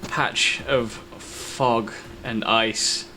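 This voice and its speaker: A man acting as game master, telling an improvised tabletop adventure in short, halting, descriptive phrases. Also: mid-range voice, fairly even intonation, pushed and bright. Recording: faint background noise.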